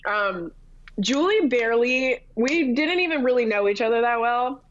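A woman's voice: a little high, highs cut off. Canadian woman telling stories. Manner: storytelling, animated, quick laughs. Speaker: guest, sports TV reporter. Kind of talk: casual chat.

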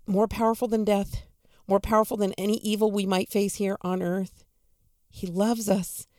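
A woman giving an earnest, encouraging devotional reflection on a gospel reading, speaking softly to listeners at home. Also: medium pitch, dry recording, clean studio sound. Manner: earnest, encouraging, soft-spoken.

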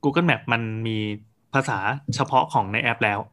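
A man hosting a casual tech podcast, telling stories in an animated way and swearing casually. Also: medium pitch, measured pace.

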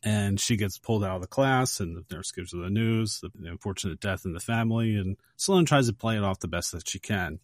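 A man's voice: fairly low pitch, fairly quick, few pauses, no echo, studio quality. A man co-hosting a casual movie podcast, retelling a film scene with energy and acting out the characters' lines. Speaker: podcast co-host.

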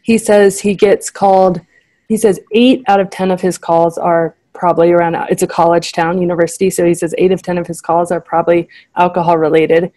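A woman's voice: on the low side, level tone, brisk, mellow, no echo. A woman, chatting casually and encouragingly as a podcast host. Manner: appreciative, encouraging. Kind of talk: casual interview chat.

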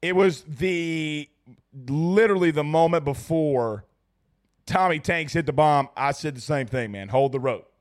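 A young man hosts a post-game sports livestream as a sports talk show host, reading viewers' super chats aloud. His fairly high voice is hoarse and giving out, and he's excitable and rambling, a little slow, and repeats himself.

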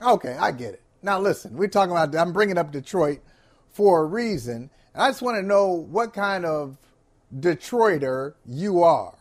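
A man's voice: high-pitched, moderate pace. A middle-aged man co-hosting a sports talk show, teasing his co-host in casual banter. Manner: teasing, animated, acts out quoted fans. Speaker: podcast co-host.

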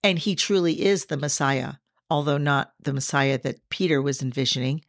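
Podcast host, woman with a deep voice, earnest teaching tone, dry close recording. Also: steady tone, dry recording. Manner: earnest, slows down to stress scripture; addresses listeners directly.

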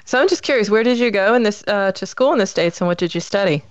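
Chatty female podcast host, smooth and resonant, dry close sound. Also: mid-range voice, fast talker, dry recording, dull audio. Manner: chatty, repeats words when excited. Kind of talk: casual interview chat.

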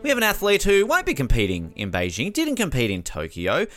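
A man's voice: medium pitch, wildly swooping pitch, brisk, a bit bright, no echo, soft background music. A man with an Australian accent hosting a sports podcast in a chatty, wordy, bantering way.

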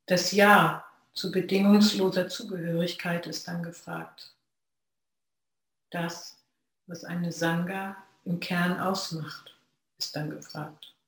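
Reflective dharma talk from a Zen practitioner, unhurried and pausing, heavy room echo. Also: mid-range voice, fairly even intonation, fairly bright tone. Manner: slow, measured, pausing between phrases. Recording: very echoey room.

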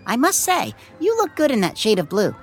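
A woman's voice: on the high side, wildly swooping pitch, a little fast, faint music behind. A woman playing an earnest, encouraging young male superhero in a children's audio story.

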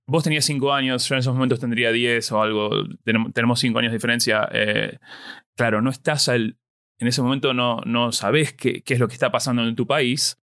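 A man's voice: mid-range voice, pushed and bright, no room sound, studio quality. A man with a Rioplatense accent hosting a podcast, asking friendly, curious questions. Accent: Rioplatense Spanish. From Argentina. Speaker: podcast host. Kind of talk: conversational interview.

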